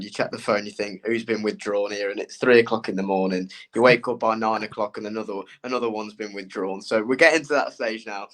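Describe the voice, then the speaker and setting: Excitable man talking horse racing tips. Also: mid-range voice. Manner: excitable, animated storyteller. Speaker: co-host and racing tipster. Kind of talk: casual racing preview chat.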